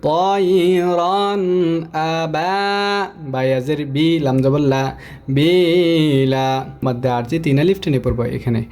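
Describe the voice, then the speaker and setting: A man teaching Quran recitation, slowly spelling out and chanting Arabic syllables between quicker spoken explanations. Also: mid-range voice, mellow, faint music behind.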